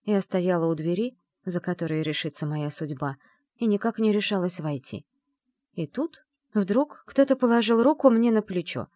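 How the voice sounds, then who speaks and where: Female audiobook narrator, lower voice, very animated, dry studio sound. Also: moderate pace, dry recording. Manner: expressive, lively storytelling. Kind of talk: first-person novel narration.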